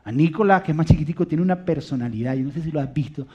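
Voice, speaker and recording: A man in his thirties or forties preaching a sermon, telling family stories in an animated way and dropping to a soft, quiet voice to stress a point. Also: a little high, very fast, slightly rough. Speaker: pastor. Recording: dull lo-fi recording.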